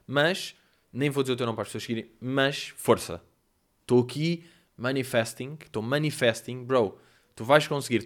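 A young man with a European Portuguese accent hosting a casual solo monologue, telling stories in a rambling, slangy, self-mocking way. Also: medium pitch. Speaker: podcast host.

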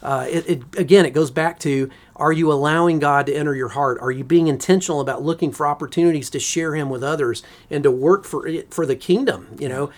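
Give me a reflective co-host on a casual church podcast who talks with steady enthusiasm and frequent fillers. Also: mid-range voice, brisk, hardly any pauses.

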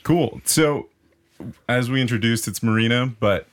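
A man hosting a podcast, asking questions in a relaxed, joking way with loose phrasing. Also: medium pitch, unhurried. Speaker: podcast host. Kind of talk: casual interview chat.

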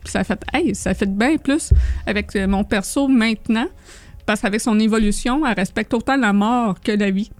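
A woman's voice: fairly high pitch, normal speed, a little mellow, no echo, soft background music. A woman with a Quebec French accent chatting casually as a podcast panelist about tabletop role-playing games.

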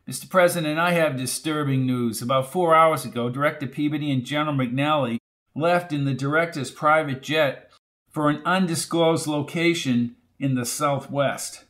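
A man's voice: fairly high pitch, normal speed, fairly bright tone, close to an everyday voice. A man reading the lines of a worried presidential aide who brings urgent news.

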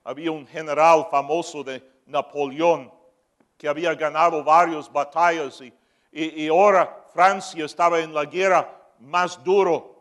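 A man preaching a sermon as pastor, moving from shouted peaks to joking asides. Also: on the high side, fairly even intonation, measured pace.

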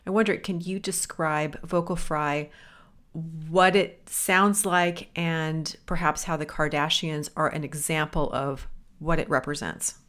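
A woman interviewer asking an author guest brisk, leading questions. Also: sits low, steady tone, fairly bright tone.

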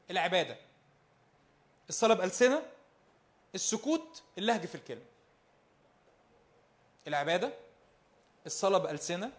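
A male preacher with an Egyptian Arabic accent gives a sermon in a high, bright voice, speaking quickly and hammering phrases again and again. He asks rhetorical questions and swings between raised exhortation and near-whispered asides.

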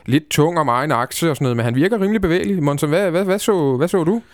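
A man's voice: on the high side, dry recording, studio quality. A man hosting a casual football podcast, talking hesitantly with many fillers and restarts. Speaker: podcast host.

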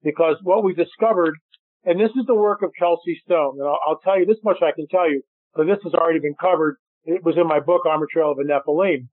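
A man telling stories in a radio interview, animated, acting out what people said. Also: fairly high pitch, fast talker, breathy edge, dry recording. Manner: animated storyteller, acts out quotes. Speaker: guest filmmaker. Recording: dry tinny phone line.

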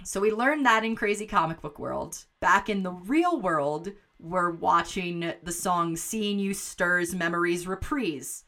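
A woman hosting a casual watch-along podcast, recapping a film and reading out trivia questions in an animated, laughing manner. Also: lowish voice, a little slow, few pauses. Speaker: podcast host.

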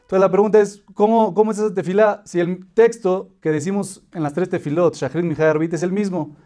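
A man with a fairly high voice teaches a Torah lesson. He tells a parable and explains it patiently, stacking short repeated phrases one after another. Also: steady tone, brisk, mellow. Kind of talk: religious lesson with a told parable.

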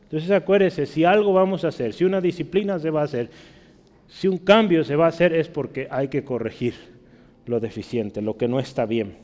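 A man teaching a Bible class in Spanish, checking in with his listeners and spelling out Greek words slowly. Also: a little high, darkish tone, in a large hall. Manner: checks in with listeners, asking "¿verdad?" and "¿sí?".

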